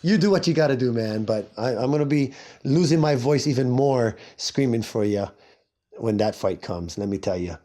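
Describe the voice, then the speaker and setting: A hoarse man in his forties from Hawaii rambles through a solo podcast. His voice is mellow and dark, and worn rough from a cough. He is chatty and pokes fun at himself as he goes. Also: medium pitch, expressive, moderate pace. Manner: rambling and chatty, self-mocking. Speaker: podcast host. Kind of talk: casual solo podcast chat.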